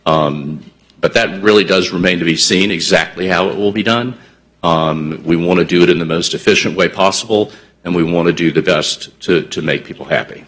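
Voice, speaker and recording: A man's voice: sits low, moderate pace, a bit bright. A man presenting as a housing developer at a county commission meeting, explaining at length with many fillers and restarts.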